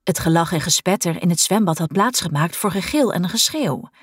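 Breathy, expressive woman audiobook narrator. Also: fairly low pitch, fairly quick, dry recording, studio quality. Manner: expressive storytelling.

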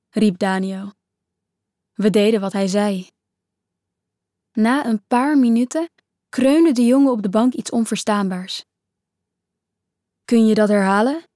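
A woman narrating a story in the first person, measured and suspenseful, often dropping to a hushed voice. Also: medium pitch, dry recording, studio quality.

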